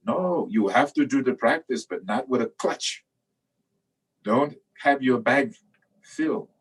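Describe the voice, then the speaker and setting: A man giving a calm, meditative Buddhist teaching, guiding listeners with pauses. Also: medium pitch, slightly rough. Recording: distant mic with faint ambient noise.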